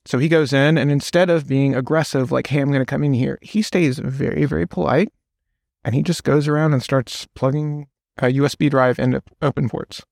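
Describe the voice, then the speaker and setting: Man, gravelly, podcast guest, explains at length, dry. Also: a little high, steady tone, moderate pace, a little mellow, no room sound. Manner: explains at length, storytelling with quoted voices. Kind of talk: casual conversation.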